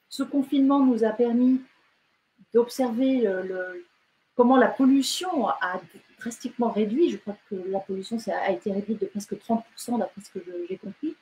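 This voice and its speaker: This interview features a woman novelist from France and Britain whose voice is on the high side with a darkish tone. She talks casually and hesitantly, full of fillers and restarts, over a rough recording.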